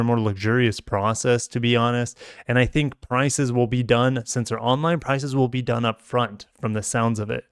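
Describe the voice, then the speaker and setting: Smooth-voiced male car vlogger. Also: mid-range voice, dry recording, studio quality. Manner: chatty, thinking aloud and addressing viewers. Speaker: car reviewer. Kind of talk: casual vlog commentary.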